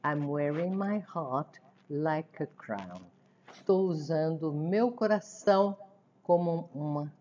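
Lively, low-voiced woman teaching. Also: a little hiss or hum. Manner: drills lyric lines slowly, then explains them in Portuguese. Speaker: English teacher. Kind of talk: song-based language lesson. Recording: dull lo-fi recording.

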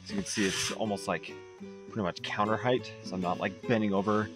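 A man's voice: fairly low pitch, steady tone, a little fast, music in the background. A man vlogging at an outdoor campsite, casually walking through his camping gear with loose, rambling speech and fillers. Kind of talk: casual gear walkthrough vlog.

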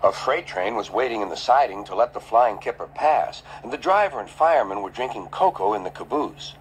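A man narrating a children's story in a lively, expressive read-aloud way. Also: on the low side, a little fast, a little hiss or hum, low-quality recording.

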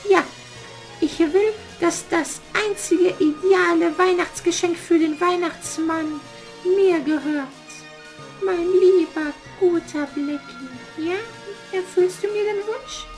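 A very high, shrill old witch cackles and schemes in a puppet theater play, played by a man in falsetto. She drags her words out slowly and bosses everyone around. Faint music plays behind her. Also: heavily acted. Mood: sweet-talking.

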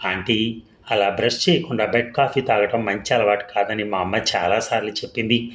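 A man's voice: fairly low pitch, steady tone, moderate pace, a bit bright, close to an everyday voice. A man voicing a young girl who grieves for her mother, in a plaintive tone.

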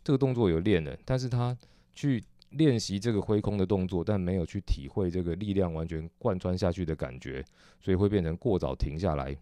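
A man with a Taiwanese Mandarin accent teaching drumming technique, explaining patiently and methodically with frequent soft "oh" fillers. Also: deep voice, a little fast. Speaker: drum teacher. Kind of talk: instructional explanation.

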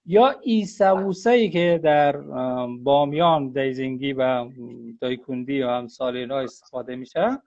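A man, a guest scholar on a live online interview, explains at length in a halting way, often pausing on a drawn-out "uh". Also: mid-range voice, darkish tone. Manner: halting, with frequent drawn-out "uh" pauses. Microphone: phone or computer on a live video call. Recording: dull lo-fi livestream audio.

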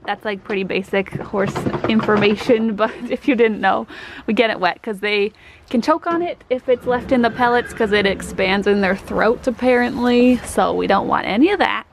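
Woman vlogger, casual and chatty, fairly high with vocal fry, handheld camera at a barn. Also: moderate pace, background noise. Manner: chatty, explanatory, laughs often. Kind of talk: casual barn tour narration. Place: horse barn and paddock, indoors and outdoors.

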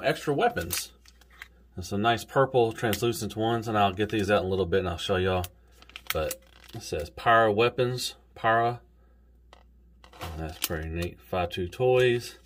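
A man's voice: fairly low pitch, breathy edge. A man with a Southern US accent, casually reviewing an action figure in an easygoing, rambling way. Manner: easygoing, rambling, says "golly" and "y'all". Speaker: toy reviewer.

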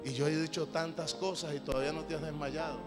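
A man preaching a sermon, theatrical, swinging from shouts to mocking asides. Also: a little high, steady tone, quick pace. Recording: long hall reverb with loud music. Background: music.

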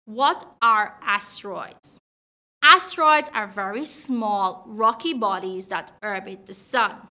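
Lady teacher doing kids show host thing, slow and bright, really spells out every word for the class. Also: medium pitch. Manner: kids show host, addressing children directly; deliberate, emphatic enunciation. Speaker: science teacher presenting a grade seven video lesson. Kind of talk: scripted lesson for children.

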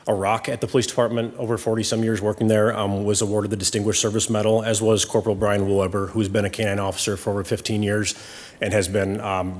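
A man in his forties, a police captain, explaining an awards program to a city council in a plain way with many ums, speaking into a desk mic in a council chamber. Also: lowish voice. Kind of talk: council presentation.

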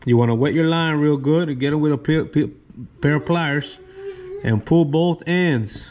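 A man, hosting a fishing channel and calmly talking through how to tie knots step by step. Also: fairly high pitch, lo-fi sound, slight background noise. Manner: laid-back, slow, step-by-step instructions. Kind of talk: casual how-to demonstration.

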